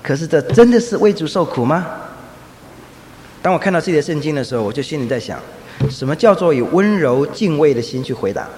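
A man preaching a sermon, telling lively anecdotes and acting out the voices of people in his stories. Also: fairly high pitch, brisk. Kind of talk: sermon with storytelling. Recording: echoey hall, faint ambient noise.

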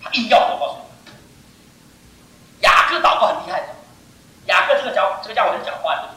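A man's voice: sits high, quick pace. Older male pastor preaching in an echoey hall. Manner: animated, emphatic preaching, often says "I tell you". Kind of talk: sermon. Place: church. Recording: echoey hall, mic far off.

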